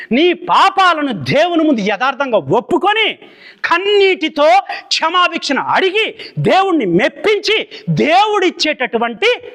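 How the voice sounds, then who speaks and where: High, bright-voiced Telugu preacher. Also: male voice. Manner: forceful, questioning the congregation. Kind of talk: sermon.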